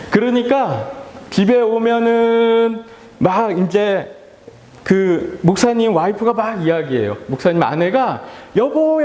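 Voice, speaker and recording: A playful male pastor gives a children's sermon in an echoey church hall. His voice is high and very lively. He keeps asking the children questions and acts out little scenes. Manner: playful, asks children questions and leads call-and-response; acts out family members and his own tired sighs. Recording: echoey hall with long reverb.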